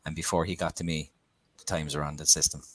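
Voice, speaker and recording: A man's voice: very deep voice, level tone, quick pace, a bit bright, husky. An Irish man talking casually as an interview guest, often repeating his words and phrases. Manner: repeats himself. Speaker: podcast guest, rally organiser.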